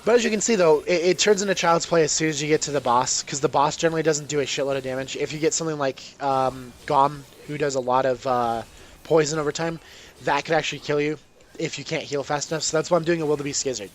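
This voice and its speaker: A fast-talking man with a voice on the high side, nasal from a cold, offers rambling commentary on his own gameplay. Frequent ums and self-corrections fill his speech, and a little hiss or hum sits in the audio.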